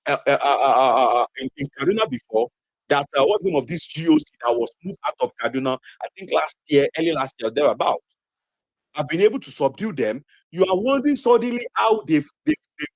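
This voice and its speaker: Fairly high with a breathy edge, this Nigerian-accented man's voice rises in a heated political argument on a TV debate, where he's a guest. He speaks with passion, leans on repeated phrases for emphasis, and fills gaps with many fillers. There's no echo, but the audio is poor.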